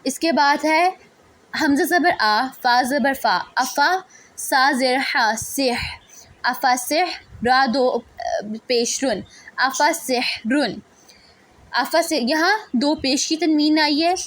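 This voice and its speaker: A woman's voice: sits high, animated, a bit bright. A woman teaching Quran recitation rules, patiently spelling out letters and syllables one at a time. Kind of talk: step-by-step tajweed lesson.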